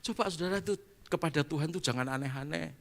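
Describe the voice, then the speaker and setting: A man's voice: fairly high pitch, creaky. A male pastor preaches a Sunday sermon in a church, acting out little dialogues. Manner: animated, acts out dialogues in quick voices. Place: church hall.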